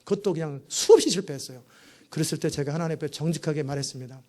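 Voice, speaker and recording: A middle-aged man preaching a sermon, emphatic, swinging from hushed prayerful tones to loud scolding of his listeners. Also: on the high side, very fast. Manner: scolds inattentive listeners directly. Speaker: pastor.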